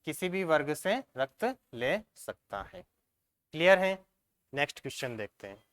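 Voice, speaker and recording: A male teacher, giving an exam-prep science lesson, asking questions and answering them himself, checking often whether it is clear. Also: a little high, sing-song, normal speed, fairly bright tone.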